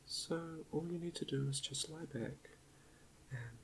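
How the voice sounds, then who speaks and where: In a soft, breathy half-whisper with creaky fry, a man quietly leads an ASMR guided meditation, sounding gentle and a little hesitant. He speaks close to the microphone at a medium pitch and a slightly slow pace. Chalk clicks and other background noise sit behind him.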